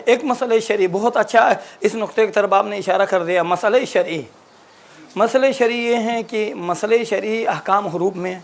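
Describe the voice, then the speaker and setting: A man with a fairly high voice gives a recitation lesson. He explains step by step, restarting and repeating examples as he goes. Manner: explanatory, repeats and corrects himself. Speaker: religious teacher. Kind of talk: lesson answering a question.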